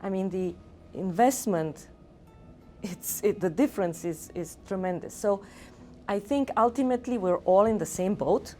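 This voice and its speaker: A woman's voice: mid-range voice, normal speed, darkish tone, faint music behind. A middle-aged woman from Romania, a physician and researcher, speaking earnestly in an interview with fillers and restarts. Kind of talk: interview talk.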